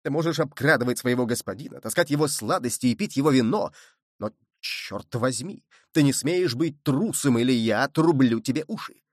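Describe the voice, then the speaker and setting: A man voicing a shrewd, quick-witted musketeer who speaks in a brisk, commanding way. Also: mid-range voice, dry recording, clean studio sound, natural voice. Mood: scolding.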